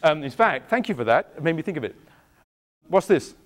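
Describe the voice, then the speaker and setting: A man's voice: a little high, brisk. A middle-aged English man, an actor, leading an interactive show for children and asking them questions while wearing a clip-on mic. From England. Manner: animated, questioning, playful with the audience. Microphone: clip-on microphone.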